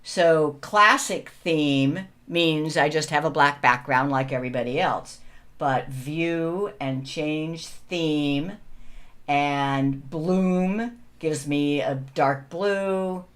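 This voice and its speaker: A woman's voice: low voice, slow pace, a bit bright. A woman co-hosting a casual video call who thinks aloud and corrects herself as she goes. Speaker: co-host. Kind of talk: casual webinar chat. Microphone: video call mic.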